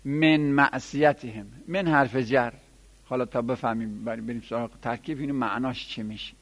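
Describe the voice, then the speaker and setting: A man teaching Arabic grammar in a classroom lecture, explaining and listing word forms, with emphatic rises in pitch. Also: a bit bright, in a large hall.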